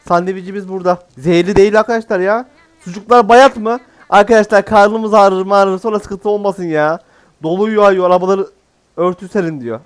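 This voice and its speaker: A man giving casual, jokey let's-play commentary as a gaming YouTuber, exclaiming often. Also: high voice.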